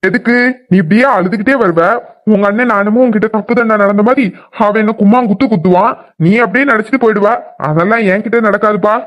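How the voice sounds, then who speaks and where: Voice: medium pitch, fast talker, highs cut off, natural voice. A performer as a cocky, joking young man. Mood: teasing. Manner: teasing, cocky. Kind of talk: amateur audio drama acting.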